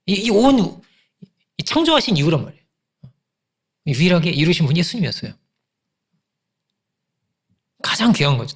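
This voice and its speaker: A man's voice: on the high side, creaky, husky. A middle-aged male pastor preaching a sermon with emphatic repetition and rhetorical questions.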